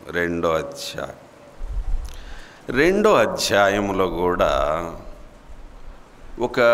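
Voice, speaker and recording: A man's voice: deep voice, fairly bright tone. A man preaching a sermon as pastor, exhorting his congregation, asking them questions and having them repeat points aloud. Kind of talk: sermon with call-and-response teaching. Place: church hall. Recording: echoey hall with faint background noise.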